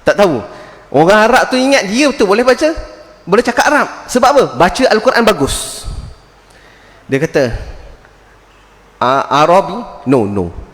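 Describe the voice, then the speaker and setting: A man's voice: sits high, moderate pace, pauses often, long reverb tail. A Malaysian man giving a Friday religious talk as a teacher, telling stories animatedly and acting out the voices of the people in them. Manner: animated storytelling, acts out quoted voices.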